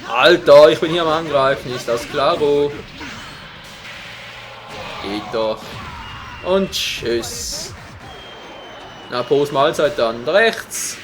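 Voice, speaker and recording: Excitable high-voiced male gamer. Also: slow, pauses often, background noise. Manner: excitable, jokey, prone to sudden shouts. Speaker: let's play commentator. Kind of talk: live gameplay commentary.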